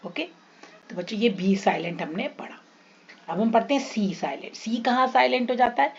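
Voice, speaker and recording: A woman's voice: on the high side, animated, dull audio, slight background noise. Indian woman teaching English grammar. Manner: repeats example words slowly, asks students questions. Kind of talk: classroom lesson explaining rules.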